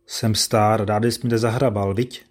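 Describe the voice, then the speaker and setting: A man voicing a proud, wrathful old nobleman father in a read-aloud tale, his voice raised and loud. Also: fairly low pitch, fairly even intonation, natural voice. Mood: bitter. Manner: raised, loud, outraged outbursts.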